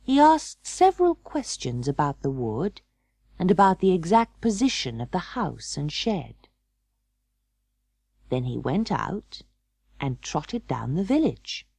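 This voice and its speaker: Slow, animated woman reading a storybook. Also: low-pitched, gravelly, no echo, clean studio sound. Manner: measured, dramatic storytelling. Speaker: audiobook narrator. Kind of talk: expressive children's storybook reading.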